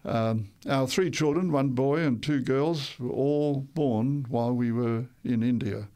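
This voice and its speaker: On a radio program, an older man who grew up in Tonga recalls his life, drifting slightly and correcting himself as he goes. His medium-pitched voice is dark in tone and unhurried in pace.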